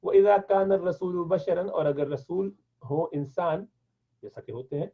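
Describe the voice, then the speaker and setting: A male Arabic teacher giving a classroom lesson, reading each Arabic phrase slowly and then translating and explaining it at length. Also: sits high. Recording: tinny phone-like lo-fi sound.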